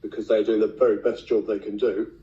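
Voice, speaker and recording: A man with a hoarse, raspy, failing voice, speaking bluntly as a councillor at a formal meeting. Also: fairly low pitch, little pitch movement, fast, mellow. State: losing his voice. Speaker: county councillor. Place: indoor council meeting room. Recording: echoey meeting room, muffled lo-fi sound.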